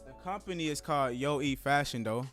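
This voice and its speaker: A man's voice: mid-range voice, brisk, fairly bright tone, faint music behind. A man who has just turned thirty, chatting casually with viewers during a live trading stream in a laid-back, rambling way. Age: 30s.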